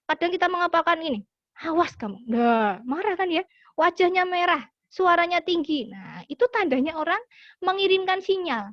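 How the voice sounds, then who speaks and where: Animated high-voiced woman teaching children. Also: normal speed, dry recording. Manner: animated, acts out example phrases. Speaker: teacher giving a lesson to schoolchildren. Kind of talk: lively classroom lesson. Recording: dull, dry lo-fi sound.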